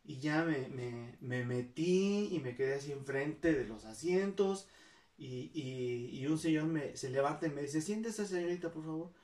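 A woman with a Mexican accent, speaking in an extremely low, slightly slow and mellow voice, chats with her viewers as a vlogger, telling personal stories and acting out the people she quotes. The mic sits back from her in a roomy space, so she sounds distant.

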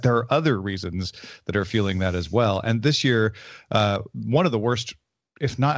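A man's voice: lowish voice, no room sound. A man from Illinois co-hosting a casual podcast, easygoing and wry. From Illinois, USA. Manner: easygoing, wry, chuckles often. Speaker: co-host.

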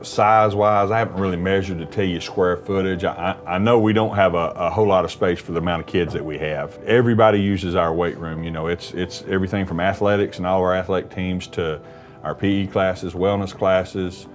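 A man, a high school coach, talking plainly about his school's weight room in a documentary. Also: steady tone, brisk. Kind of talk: documentary interview and walkthrough. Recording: background music under the voice.

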